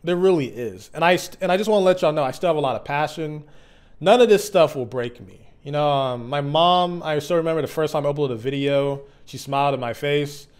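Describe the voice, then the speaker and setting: A man in his mid twenties with a slightly high-pitched voice gives a candid, unscripted personal vlog. He is earnest and reflective, feeling his way through his thoughts in halting, slangy conversation. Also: smooth. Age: mid 20s. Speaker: YouTube content creator.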